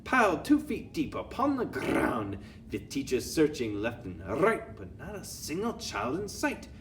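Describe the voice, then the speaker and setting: A man's voice: fairly high pitch, wildly swooping pitch, measured pace, a bit bright, soft background music, pitched above the performer's own voice, exaggerated voice. A man voicing a villainous old witch leader from a storybook, gloating and scheming in a chanting way with broken grammar. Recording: distant mic, faint background noise.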